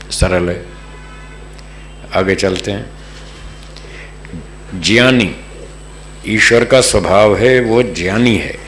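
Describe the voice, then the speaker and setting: A man from North India teaching a patient, slow scripture lesson to a live group, often checking that they follow. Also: fairly low pitch. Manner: patient, checks understanding with the audience. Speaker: religious teacher. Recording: echoey room, faint hum.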